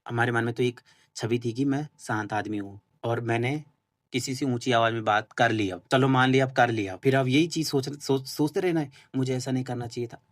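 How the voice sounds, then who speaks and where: A man's voice: mid-range voice, a little fast. A man giving an informal, earnest spoken explanation, casual and repetitive, with many fillers and restarts. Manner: earnest, admits he is still learning. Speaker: spiritual talk host.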